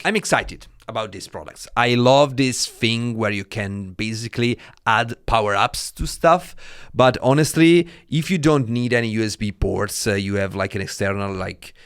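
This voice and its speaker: A man's voice: lowish voice, a bit bright, clear, resonant tone. A man with an Italian accent, a native Italian speaker, talking casually as a tech reviewer, with frequent fillers and hesitations, recorded on a dynamic studio mic. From Italy. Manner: chatty, many fillers like "uh" and "like". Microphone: dynamic studio mic through an audio dock.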